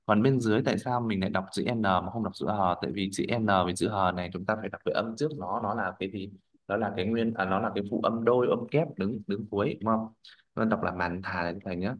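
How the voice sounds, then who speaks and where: A man's voice: fairly low pitch, fairly even intonation, fast, low-quality recording. A male language teacher, leading a classroom pronunciation drill. He models words, corrects students, and keeps checking that they follow.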